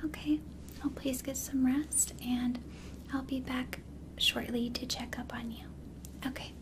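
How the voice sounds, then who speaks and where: Woman acting a slow whispering flight attendant, whispered role-play. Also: high voice, steady tone, noisy background. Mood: soothing. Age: young adult. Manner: soft, slow, soothing whisper. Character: attentive, gentle female flight attendant soothing a passenger. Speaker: ASMR performer.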